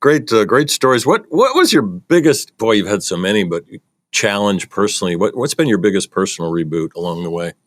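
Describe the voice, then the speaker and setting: Male podcast host, deep voice that swings a lot in pitch, dry close sound, easygoing questions. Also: brisk, no echo. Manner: brief agreeing interjections, relaxed questions. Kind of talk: casual interview chat.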